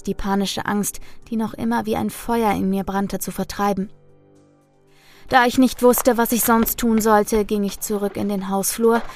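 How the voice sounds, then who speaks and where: A woman reading a first-person ghost story aloud in a measured, suspenseful way. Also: mid-range voice. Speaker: storyteller reading listener stories.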